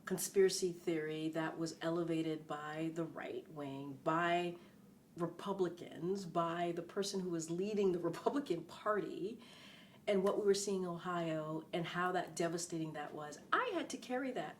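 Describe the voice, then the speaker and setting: In a conversational interview, a middle-aged woman who once served as a press secretary speaks at a normal speed in a fairly low pitch. She's earnest and emphatic, repeating her key phrases often, over slight background noise.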